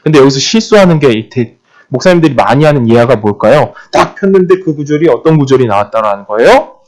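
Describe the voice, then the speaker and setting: A man's voice: medium pitch, animated, quick pace, a little mellow. A man preaching a sermon, asking the congregation rhetorical questions and repeating key phrases for emphasis.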